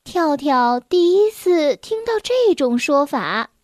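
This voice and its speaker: A woman narrating a children's storybook in a gentle, unhurried manner. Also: high-pitched, big pitch swings, dry recording, clean studio sound.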